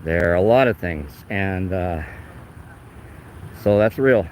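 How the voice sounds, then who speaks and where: Holding a phone camera outdoors, an activist slowly narrates his filming of police on a city sidewalk, indignant and rambling. His low, darkish voice has lively intonation. The recording is low quality, with a little hiss or hum.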